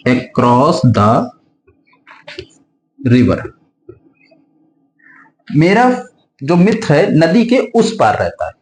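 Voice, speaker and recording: Male grammar teacher, fairly high voice, advising classroom tone, slow word-by-word dictation. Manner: explains in Hindi with English examples, dictated slowly word by word; frequent checking "ठीक है" fillers, advising tone. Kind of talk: classroom-style grammar lesson for exam students.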